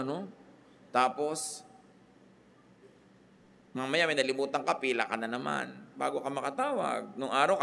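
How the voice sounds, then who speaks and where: A man's voice: mid-range voice, gravelly, fairly bright tone, a little hiss or hum. Emphatic middle-aged male preacher. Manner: emphatic, mixes Tagalog and English, builds points in lists. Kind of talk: sermon.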